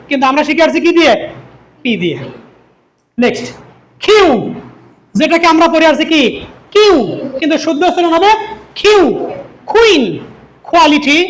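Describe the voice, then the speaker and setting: High-voiced woman teaching pronunciation. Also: low-quality recording. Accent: Bangladeshi. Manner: asks and answers her own questions. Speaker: English teacher. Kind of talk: explanatory lesson.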